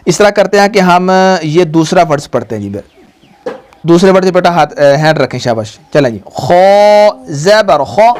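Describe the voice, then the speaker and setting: A woman's voice: fairly low pitch, a little mellow. A woman, a Quran teacher patiently guiding a pupil, drawing out each syllable and having it repeated. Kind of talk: patient recitation lesson.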